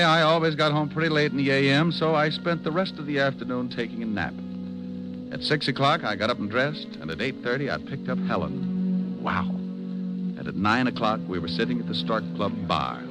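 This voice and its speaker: Richard Diamond, deep-voiced wisecracking detective played by a man. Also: lightly acted, low-quality recording. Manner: glib, sardonic wisecracks. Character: wisecracking, flirtatious, cocky male private detective. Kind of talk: old-time radio detective acting with first-person narration.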